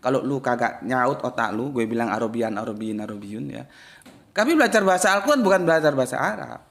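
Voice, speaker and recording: A man giving a casual religious lecture as an Islamic study teacher, blunt and slangy, jumping from loud emphatic bursts to low muttered asides. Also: expressive, fast talker, creaky.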